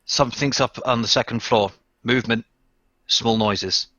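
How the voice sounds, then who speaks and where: A man's voice: medium pitch, normal speed, sharp tone, no room sound, highs cut off. A man playing a tabletop role-playing game, casually describing what his character does.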